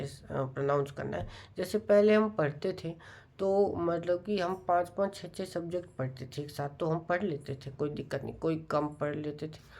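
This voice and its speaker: A man talking casually to viewers in a study vlog, explaining things in an unhurried, musing way. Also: a little high, creaky, darkish tone. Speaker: student vlogger.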